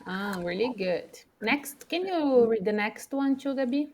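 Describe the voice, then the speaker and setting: A woman's voice: a little high, lively intonation, slow, darkish tone. Brazilian woman teaching English online. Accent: Brazilian Portuguese. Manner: explains patiently, switching between Portuguese and English. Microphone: computer microphone on a video call.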